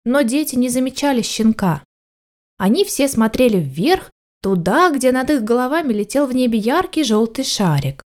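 A woman reading a children's story aloud as storyteller, gentle and expressive. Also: on the high side, moderate pace.

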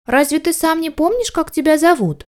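A woman voicing a clever, kind little male kitten in a high, patient, reassuring voice for a storybook reading. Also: very animated, a little slow. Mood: helpful.

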